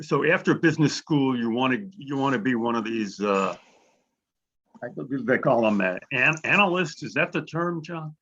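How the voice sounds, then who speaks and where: A man coaching a candidate over a video call, blunt and direct, often stumbling over repeated words. His voice sits at an ordinary pitch. The call audio is dull and lo-fi. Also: pushed and bright. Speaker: admissions consultant host. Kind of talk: webinar coaching interview.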